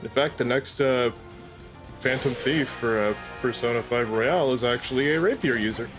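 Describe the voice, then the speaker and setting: A man's voice: medium pitch, moderate pace, over music. A man in casual chat with friends on a game stream, talking in a jokey, rambling way.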